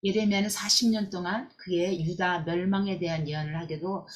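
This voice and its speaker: A woman teaching a Bible lecture, earnest and emphatic, with frequent fillers and restarts. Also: medium pitch.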